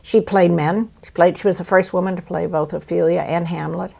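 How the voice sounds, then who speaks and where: A woman in her seventies, an actress and playwright, telling stories in an animated, theatrical way during an interview. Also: lowish voice, fairly quick, gravelly. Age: 70s. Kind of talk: interview conversation.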